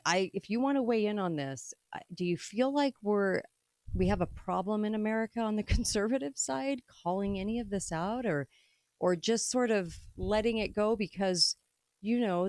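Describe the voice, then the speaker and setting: A woman's voice: medium pitch, a little mellow, no room sound. A woman hosting a political talk radio show in a conversational, emphatic way.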